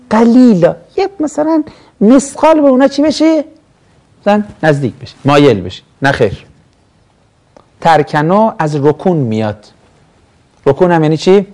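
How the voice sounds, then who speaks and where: A man's voice: a little high, darkish tone. A man from Mashhad teaching a classroom lesson on Quran verses, chatty and joking, often asking his students questions. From Mashhad, Iran. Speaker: religious studies teacher.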